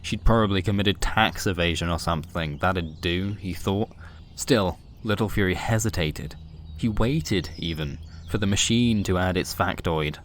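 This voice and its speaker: His voice is low-pitched and at normal speed, with a little hiss or hum in the audio. The man narrates a scripted comic science fiction story, bringing a wry, dramatic storyteller's delivery.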